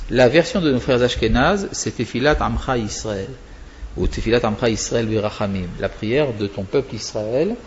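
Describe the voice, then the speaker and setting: A man's voice: mid-range voice, lo-fi sound, a little hiss or hum. A male religious teacher explaining prayer to students, wandering off topic and answering his own questions.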